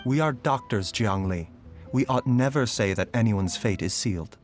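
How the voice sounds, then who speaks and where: A man voicing a calm, gentle young doctor who speaks in a measured, reassuring way. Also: fairly low pitch, soft background music, lightly acted.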